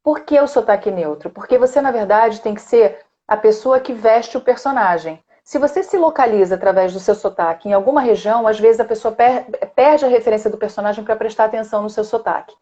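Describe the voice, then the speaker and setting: Speaking briskly with few pauses, a woman with a higher, warm voice is heard on dull audio. She's a Rio de Janeiro speech therapist explaining voice technique in Brazilian Portuguese during a live online chat, demonstrating sounds and frequently closing points with "né?".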